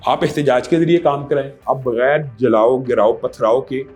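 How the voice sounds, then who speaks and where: A man's voice: mid-range voice, a little mellow, soft background music. A man from Pakistan, a religious scholar answering interview questions emphatically and often asking rhetorical questions.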